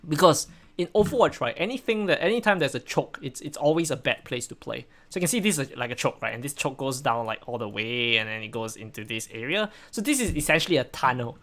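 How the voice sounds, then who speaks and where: Fast-talking and animated, a young Singaporean streamer and coach goes over a game replay in a mid-range, slightly bright voice with a Singaporean English accent. His commentary is casual and rambling, full of repeated words and frequent "right?" check-ins.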